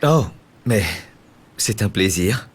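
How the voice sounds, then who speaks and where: An actor playing a composed, polite professor detective, articulate and reserved, in an animated game. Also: male voice, on the low side, takes it slowly, slightly rough, heavily acted. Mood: gentle curiosity. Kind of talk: animated game cutscene acting.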